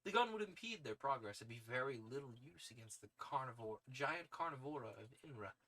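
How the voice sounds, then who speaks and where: Forceful male streamer reading aloud. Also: medium pitch, expressive, brisk, low-quality recording. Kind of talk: story narration with casual asides.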